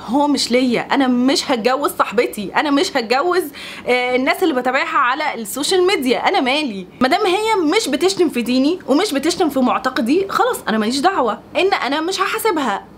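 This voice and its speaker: A young woman with an Egyptian accent talking in a casual vlog, animated and exasperated, laughing often. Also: high-pitched, rapid-fire, a little hiss or hum. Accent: Egyptian Arabic. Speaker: vlogger.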